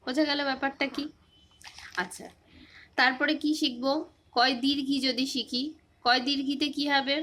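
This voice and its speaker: A woman with a high, bright voice leads a relaxed phonics lesson. She keeps asking short quiz questions and repeats the answers patiently. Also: normal speed, long pauses, a little hiss or hum. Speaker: teacher.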